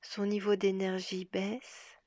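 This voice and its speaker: A female yoga nidra guide talks listeners through relaxation in a gentle, breathy half-whisper, pausing long and deliberately. Her mid-range voice is monotone, captured in a dry recording.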